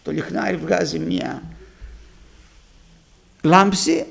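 A man preaching a sermon, emphatic, rising to high loud peaks as he addresses the congregation. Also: steady tone, creaky.

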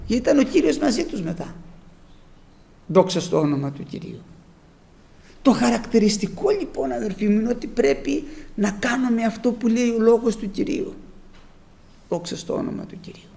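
A man's voice: very high voice, expressive, gravelly, long pauses, warm tone. A man preaching a sermon, retelling scripture dramatically with rhetorical questions and exhortations.

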